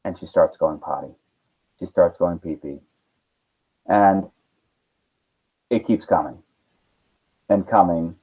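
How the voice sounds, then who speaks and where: A man's voice: low-pitched, slow, pauses often, husky. A male teacher telling a story to his students in a playful, casual way with silly asides. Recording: tinny phone-like sound.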